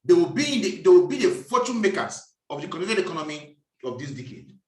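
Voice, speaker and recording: A man's voice: fairly high pitch, big pitch swings, quick pace, a little mellow, distant mic. A man giving a preachy, emphatic business talk and repeating his key phrases. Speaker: business speaker. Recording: echoey room, voice off-mic.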